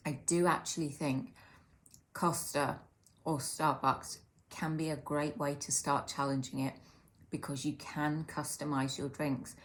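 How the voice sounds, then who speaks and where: British female vlogger, low-pitched, casual and candid eat-with-me chat over a drink. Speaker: vlogger sharing eating disorder recovery support.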